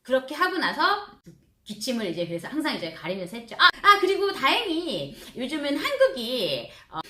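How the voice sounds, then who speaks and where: A woman's voice: high voice, huge pitch swings, moderate pace, pushed and bright, reverberant. A middle-aged woman telling a casual vlog story, laughing often and acting out other people's lines. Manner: laughs often, acts out sneezes and friends' lines. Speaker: vlogger.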